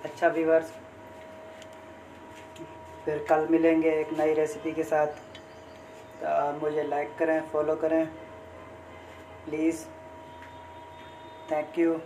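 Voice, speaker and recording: Young male home-cook vlogger, monotone step-by-step delivery, phone mic in a kitchen with frying in the background. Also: a little high, slow pace, long pauses, a little hiss or hum, rough recording. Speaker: cooking vlogger. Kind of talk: casual cooking narration. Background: frying and sizzling in the pan.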